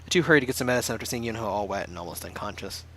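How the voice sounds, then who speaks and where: A man's voice: on the low side, animated, very fast, sharp tone, a little hiss or hum. A man co-hosting a casual game playthrough, joking, laughing often and reading the game's narration aloud. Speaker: co-host playing and reading a visual novel. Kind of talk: casual let's-play chat with read-aloud narration.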